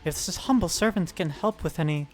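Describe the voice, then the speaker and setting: A man voicing a humble, fussy game servant in a soft, low-key read. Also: brisk, faint music behind, natural voice. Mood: fawning. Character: humble, fussy servant of ambiguous sex, the sort who ticks like a clock. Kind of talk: reading game dialogue aloud on a stream.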